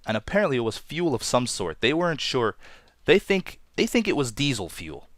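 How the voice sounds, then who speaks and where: A man with a lowish voice that swings widely up and down as he tells a story. He rambles in a casual, chatty way and pokes fun at himself while hosting a Let's Play. A faint hiss sits under his voice. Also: fairly bright tone. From Toronto, Canada. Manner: chatty, rambling, self-deprecating. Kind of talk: casual storytelling over gameplay.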